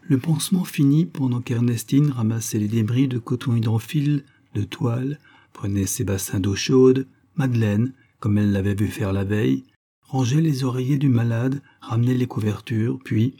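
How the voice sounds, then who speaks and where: A man reading a serial novel aloud as an audiobook, with measured, expressive phrasing in short clauses. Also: medium pitch. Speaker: audiobook narrator.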